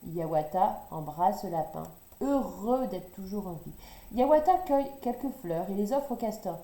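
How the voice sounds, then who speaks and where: A woman reading a children's story aloud in a lively, expressive way. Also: mid-range voice, moderate pace. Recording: roomy echo.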